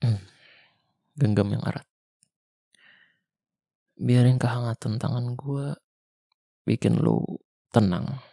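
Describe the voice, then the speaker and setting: In an ASMR roleplay, a young man with a Jakarta slang accent plays a weary ex-soldier who survived a zombie apocalypse, a tender protector speaking softly, slowly, and intimately in a half-whisper. His medium-pitched, creaky voice is close-miked and clean, like a studio, with no room sound.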